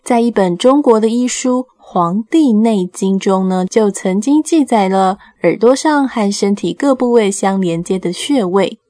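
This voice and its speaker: Woman, children's radio host, simple explanations as if to little kids, medium pitch, close dry sound. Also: lively intonation, a little slow, few pauses, warm tone, dry recording. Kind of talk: presenting a children's educational radio programme.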